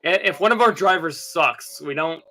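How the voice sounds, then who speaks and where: A man's voice: on the high side, moderate pace, sharp tone, a little hiss or hum, low-quality recording. A young man chatting casually while watching a race, rambling and stammering with lots of restarts. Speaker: video creator.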